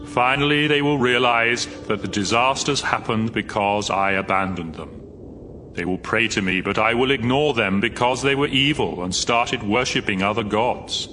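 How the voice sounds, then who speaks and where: A male actor with a medium-pitched, sharp voice plays God in a dramatized scripture reading at normal speed, lightly acted over soft background music. He sounds solemn, wrathful, and commanding as he makes authoritative pronouncements.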